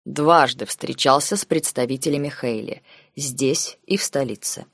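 A woman's voice: rumbling low, breathy edge, dry recording, clean studio sound, exaggerated voice. A cold scheming uncle, read by a woman. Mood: cold, lecturing. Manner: measured, lazy, coldly sarcastic. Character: cold calculating noble uncle, middle-aged man.

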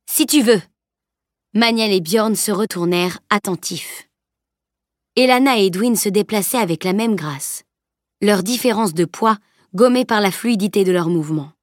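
A woman reads an audiobook aloud, telling the story in a steady, even way at a moderate pace and medium pitch. It's scripted narration, recorded cleanly in a studio with no room sound.

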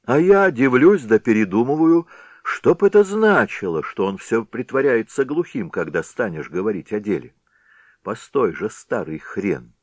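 A defiant young village lad from a storybook tale, mocking and stirring up his friends with a lively, swinging voice. A man voices him while reading. The recording is dry. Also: medium pitch, moderate pace, no echo, pitched above the performer's own voice. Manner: mocking, rousing.

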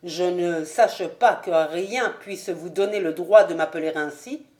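Audiobook: a woman plays a brooding, aloof young nobleman, low and restrained. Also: unhurried, darkish tone, lightly acted. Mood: haughty. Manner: cold, haughty and restrained. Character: proud gloomy young male nobleman.

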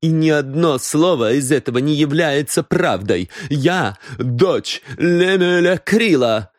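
A proud young woman, as a male reader puts her on answers sharply and defiantly, her voice pushed up high. Her tone is fierce and unbending throughout. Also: expressive, slow, no echo, clean studio sound.

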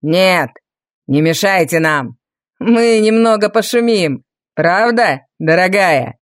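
A woman's voice: medium pitch, a little slow, no echo, clean studio sound, lightly acted. A woman voicing a cruel, mocking male viscount with a sneering, taunting manner in an audiobook. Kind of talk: audiobook character voice.

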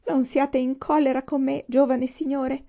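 Frightened storybook jailer, high whining plea, mellow tone, dull lo-fi recording; a woman voices him. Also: level tone, slow pace. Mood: pleading. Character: frightened pleading male jailer.

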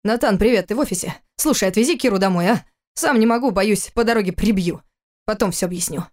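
A woman reading the part of a hard, bitter young husband who speaks curtly and forcefully. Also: mid-range voice, fast, close to an everyday voice. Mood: harsh. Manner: forceful, curt.

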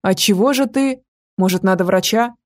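A woman's voice: mid-range voice, normal speed, close to an everyday voice. A woman reading an audiobook, voicing a worried, devoted young man who speaks anxiously and earnestly.

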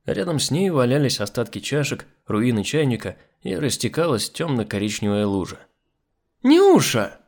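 A man's voice: medium pitch, a little fast, few pauses. A man reading a first-person audiobook as narrator. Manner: lively first-person storytelling. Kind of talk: scripted narration.

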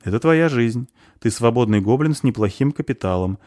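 A man's voice: mid-range voice, lively intonation, brisk, darkish tone, pitched above the performer's own voice, natural voice. A man voicing an impulsive, guilt-ridden young man who speaks in an agitated, remorseful way in an audiobook. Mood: troubled.

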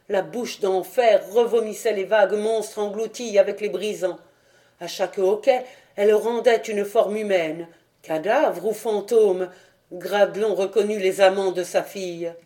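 A woman reading a legend aloud as an audiobook narrator, with dramatic, expressive storytelling. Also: mid-range voice. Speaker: audiobook reader.

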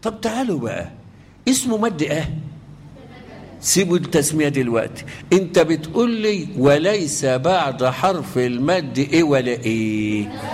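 This Egyptian-accented teacher has a fairly high, slightly mellow voice with lively intonation and a moderate pace. He keeps quizzing his class on Quranic recitation rules with repeated questions and chants verses in a melodic style, with slight background noise.

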